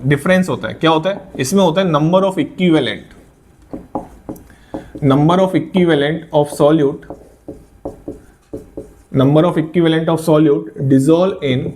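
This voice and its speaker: Male chemistry teacher, slightly raised pitch, coaxing lecture delivery. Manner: coaxing, asks and answers his own questions. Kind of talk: classroom lecture.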